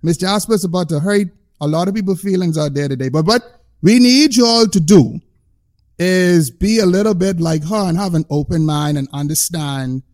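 A man hosts a casual podcast chat with a playful, animated delivery. His voice sits high for a man, and he stretches key words out for emphasis. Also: moderate pace. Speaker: podcast host.

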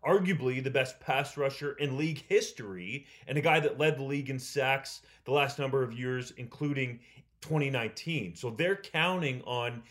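A male co-host breaking down a sports topic in a casual, measured way. His voice sits at a middle pitch. He talks like an analyst laying out his points. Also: fairly bright tone.

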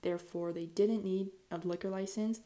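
A woman's voice: medium pitch, fairly even intonation, moderate pace, mellow. A woman hosting a podcast, narrating history in a conversational, semi-scripted way with informal asides, recorded in a bathroom on an earphone mic. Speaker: podcast host. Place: small bathroom, indoors. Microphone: earphone headset microphone.

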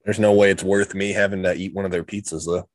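A man's voice: low voice, little pitch movement, fast talker, slight background noise. A man chatting casually among friends, blunt, opinionated and profane. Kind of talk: casual chat.

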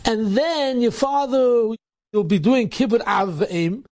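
Animated male storyteller, lively pitch. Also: slow. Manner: animated, acts out dialogue in quotes. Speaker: rabbi and storyteller. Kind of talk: inspirational storytelling.

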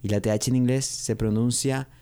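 A man hosting a podcast, teaching English pronunciation slowly and repeating each example phrase. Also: mid-range voice, fairly even intonation, warm tone, clean tone. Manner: slow, careful repetition of example phrases. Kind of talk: podcast language lesson.

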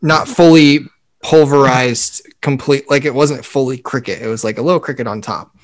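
A man's voice: mid-range voice, moderate pace. A young man co-hosting a podcast, rambling casually with lots of filler words. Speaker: podcast co-host. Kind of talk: casual chat.

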